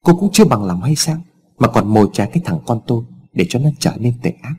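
A man's voice: mid-range voice, expressive, fast talker, mellow, husky. A man voicing a stern, wealthy old father in a told story, speaking in harsh, clipped scolding tones.

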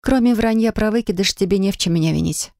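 A woman's voice: mid-range voice, quick pace, gravelly, a little mellow, no room sound, studio quality, close to an everyday voice. A woman voicing a hurt, defiant young pregnant wife who talks in a bitter, reproachful way.

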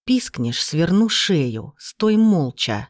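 An audiobook reader voicing a menacing scarred male bandit who speaks in a slow threatening growl, recorded dry. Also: medium pitch, lively intonation, dry recording.

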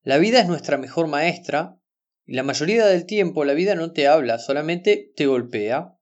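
Calm wise rich mentor guy, lecturing, dull audio, man doing it. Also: a little high, moderate pace, natural voice. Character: calm wise wealthy businessman, stern teacher.

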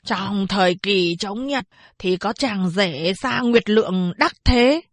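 Woman doing a slow, wailing blind old man. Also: mid-range voice, dry recording, clean studio sound. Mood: pleading. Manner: slow drawn-out speech with hesitant fillers.

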